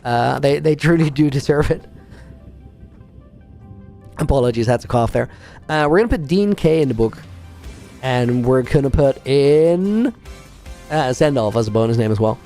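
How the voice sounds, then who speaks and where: A man's voice: medium pitch, lively intonation, normal speed, pauses often, mellow, faint music behind. A man streaming a game, chatting casually with viewers, rambling and laughing often while reading out names. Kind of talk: casual livestream chat while playing a game.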